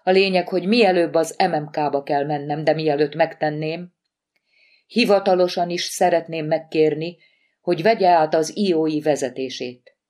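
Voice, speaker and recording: Woman reading anxious middle-aged lady boss, hurried, low voice, audiobook. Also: a little mellow, lightly acted. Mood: worried. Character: tense middle-aged woman, institute chief.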